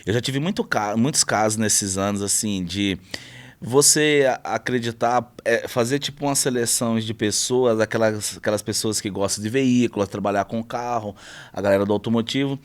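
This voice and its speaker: A man's voice: fairly low pitch, normal speed. A man who runs a car wrap shop, chatting casually in an interview and telling stories about customers. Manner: storytelling, animated when telling anecdotes.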